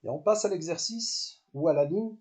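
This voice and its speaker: A man gives a calm, step-by-step lesson in a slightly high, mellow voice. He repeats short syllables patiently for his listeners, often pausing and restarting with fillers. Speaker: Arabic language teacher.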